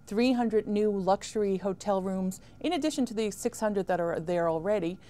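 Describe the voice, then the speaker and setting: A woman in her fifties speaks as a town official in a small studio interview set. Her delivery is measured and emphatic, at an ordinary middle pitch. She is picked up cleanly by a lapel mic. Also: mellow. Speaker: town supervisor.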